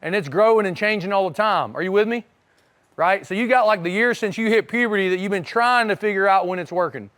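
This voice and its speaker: A man's voice: high voice, brisk, a bit bright. A man coaching young wrestlers in a casual motivational talk, often checking in with his listeners.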